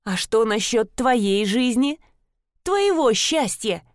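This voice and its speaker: A frightened young sister torn between gratitude and resentment, as a woman reading a novel puts her on. Her lines climb higher than the narration around her and come out pleading. The voice sits close and dry, with no room around it. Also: big pitch swings, slow, no room sound. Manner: emotional, rising and pleading. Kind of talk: audiobook character voice.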